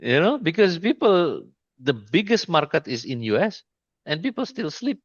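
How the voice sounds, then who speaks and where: A man giving an informal screen-share trading lesson, speaking haltingly with many restarts and repeated pointers to the chart. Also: a little high, big pitch swings, no room sound, lo-fi sound. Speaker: trading mentor.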